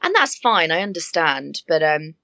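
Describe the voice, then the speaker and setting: A woman who works as an air hostess, telling stories in a chatty, animated way with laughing asides. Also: sits low, normal speed, vocal fry, no echo. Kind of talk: casual interview chat.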